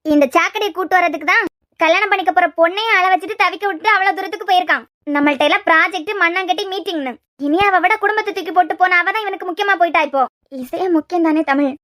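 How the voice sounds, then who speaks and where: A woman voicing an indignant, sharp-tongued young relative in a cartoon, with a Kanyakumari Tamil accent. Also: very high voice, racing, dry recording, studio quality.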